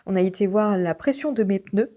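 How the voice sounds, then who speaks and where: A woman's voice: mid-range voice, brisk, dark tone. A woman vlogging her day in casual chat, with a sore throat, often dropping to a whisper. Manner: chatty, often drops to a whisper. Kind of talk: casual daily vlog chat.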